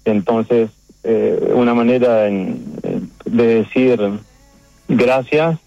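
A middle-aged man with a Uruguayan accent, a chef talking about his restaurant's award in a phone interview, halting and emotional, with many restarts. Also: medium pitch, gravelly, warm tone, no room sound. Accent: Uruguayan Spanish. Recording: dull phone line.

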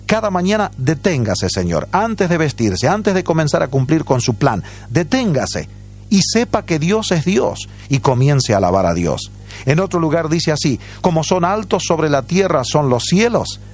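An earnest radio evangelist, a man with a husky voice, gives firm pastoral advice. His pitch moves in lively swings as he urges and quotes scripture. A faint music bed sits under him. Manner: earnest, direct pastoral counsel with biblical quotes. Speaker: radio evangelist answering a letter. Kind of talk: radio preaching.

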